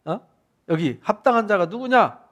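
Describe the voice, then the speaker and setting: Speaking at a moderate pace, a South Korean pastor gives an expository sermon in a high, lively voice. He preaches fervently, peppering his listeners with questions and acting out what the people he describes say.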